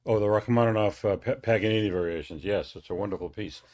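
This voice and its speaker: A man's voice: on the low side, fast, darkish tone. A man hosting a radio interview, speaking with many hesitations and restarts. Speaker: radio host.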